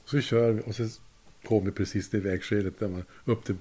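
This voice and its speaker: Older man with a low voice for a casual anecdote, chuckling and acting out quoted voices. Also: steady tone, dark tone. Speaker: storyteller.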